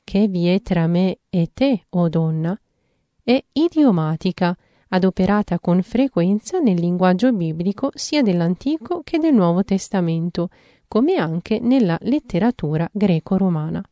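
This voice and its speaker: A woman giving a measured, earnest reading of a devotional theological text. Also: fairly low pitch, expressive, dark tone, no room sound.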